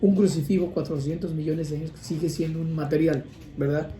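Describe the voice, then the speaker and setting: A man's voice: on the high side, fairly even intonation, fairly quick, warm tone. A male priest giving an informal, conversational sermon on prayer, often restarting and adding asides. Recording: echoey room with faint ambient noise.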